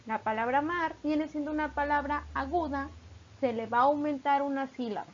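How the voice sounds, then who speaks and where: A woman from Mexico, a teacher narrating a recorded lesson, explaining patiently and reading examples slowly. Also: high-pitched, muffled recording.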